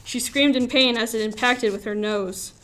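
Young woman from Los Angeles, student author, wry story reading, fairly high voice. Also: moderate pace, a bit bright. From Los Angeles, USA. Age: young adult. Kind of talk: reading her own story aloud.

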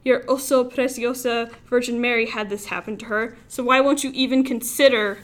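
A woman reading as a deadpan defiant teen girl. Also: fairly high pitch, normal speed, lightly acted. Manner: deadpan, sarcastic. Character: defiant sixteen-year-old pregnant girl.

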